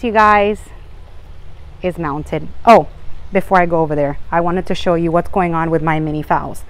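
A woman vlogger chatting casually and a little ramblingly as she shows plants, recorded outdoors on a handheld phone. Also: medium pitch. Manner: chatty, rambling, apologetic asides. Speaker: vlog host. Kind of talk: casual chat while showing garden plants. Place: outdoors in a home garden and patio. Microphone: handheld phone behind the camera.

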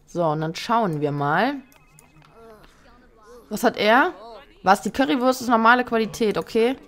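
A woman's voice: a little high, expressive, measured pace, a bit bright. Woman, let's play host: chatty, casual, teasing, reads menu options aloud. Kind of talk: casual game commentary.

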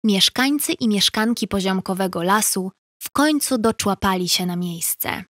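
A woman reads a children's tale aloud in a gentle, even storytelling voice. Her pitch sits in a middle range. The recording is dry and close, with no room sound. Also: unhurried, no room sound. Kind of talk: scripted narration of a children's tale.

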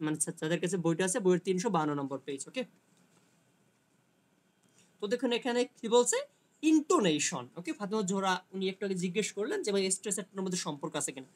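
A man giving an online linguistics lecture who explains slowly, reads English passages aloud and answers students by name. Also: high-pitched. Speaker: teacher.

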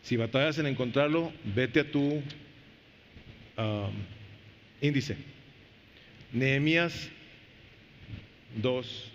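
A man preaching a sermon as pastor in a church. He questions the congregation directly and swings between soft low phrases and loud, high emphasis. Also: slow, pauses often, slight background noise. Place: church sanctuary. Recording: reverberant church hall, dull lo-fi sound.

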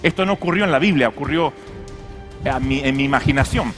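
A man's voice: mid-range voice, brisk, over music. A man preaching a humorous sermon as a pastor, telling stories and acting out voices. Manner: animated storytelling with acted voices and jokes.

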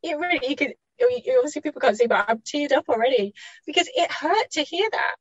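A woman with a fairly high voice tells parenting stories in a chatty, reflective way, laughing often and correcting herself mid-sentence. The recording is dull and lo-fi, with a dry, close sound. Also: expressive, fast talker, no echo. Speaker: parenting mentor guest. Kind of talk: reflective personal storytelling.

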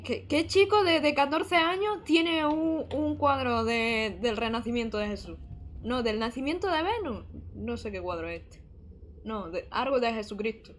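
Young woman from Spain, bright voice, chatty game commentary, faint hiss behind. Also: fairly high pitch, normal speed. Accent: Spain Spanish. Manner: chatty, reads game text aloud, jumpy and joking. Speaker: gaming streamer. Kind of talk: casual let's play commentary.

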